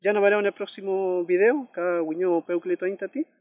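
A man's voice: high voice, fairly even intonation, fairly quick, long reverb tail, muffled recording. A man giving a language lesson, patiently repeating example words one by one and checking in with listeners, with frequent hesitations. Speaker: language teacher.

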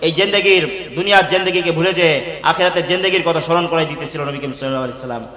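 A young man preaching a waz sermon, moving from quick plain storytelling into loud, slow chanted rises. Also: on the high side, a crowd in the background. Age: young adult. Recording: echoey reverberant hall.

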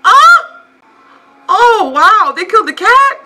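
A woman's voice: high-pitched, wildly swooping pitch, slow pace, sharp tone. A young woman reacting to a movie for the first time, with squealing exclamations and laughing reactions.

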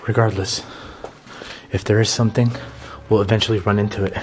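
A male vlogger with a fairly low voice talks casually to his viewers. He holds the camera himself indoors, and clear noise runs through the recording. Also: level tone, a little fast, echoey room. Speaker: vlogger and urban explorer host. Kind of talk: casual vlog chat. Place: empty abandoned building indoors at night. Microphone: handheld camera at arm's length. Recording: noisy handheld camera audio.

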